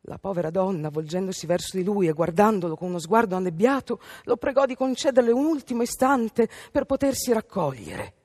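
A woman narrating a fairy tale on the radio in an expressive, dramatic way. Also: medium pitch, brisk, few pauses, dry recording. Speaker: storyteller.

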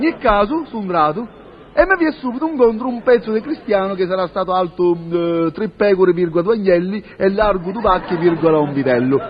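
A man telling a rustic comic monologue in first person, rambling and indignant, full of rhyming curses. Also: high-pitched. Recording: lo-fi recording with faint audience.

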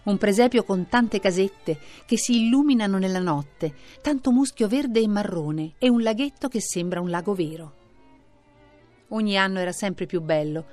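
Woman reading a kids story, expressive, mid voice, quiet music behind. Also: mid-range voice, moderate pace. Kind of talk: storybook narration for children.

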